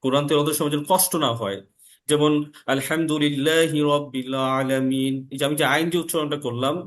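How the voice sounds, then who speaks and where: A man teaching an online Quran recitation lesson, slowly drawing out Arabic letter sounds and reciting short phrases. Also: on the high side. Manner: slow, drawn-out demonstration of Arabic letter sounds.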